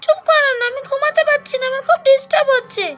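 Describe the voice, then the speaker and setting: A shrill, very high little girl's voice, as a woman puts her on, whining and close to tears as she grumbles about her lost sleep. The doll-cartoon child sounds fretful and petulant, with faint music underneath. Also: fairly even intonation, fast talker, a bit bright. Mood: whiny confused. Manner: whiny, tearful complaining. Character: little girl woken at night, whiny and fretful.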